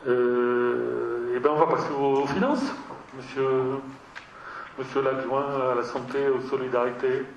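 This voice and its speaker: A man's voice: mid-range voice, level tone, measured pace. A man chairing a town council meeting, talking hesitantly with many fillers and restarts. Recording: echoey room, mic far off, dull sound, faint noise.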